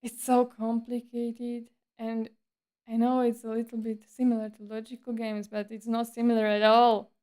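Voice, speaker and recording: A woman's voice: fairly high pitch, monotone, moderate pace, mellow. A woman streamer chatting casually in a livestream monologue, with a breezy, playful and slightly coy, teasing manner.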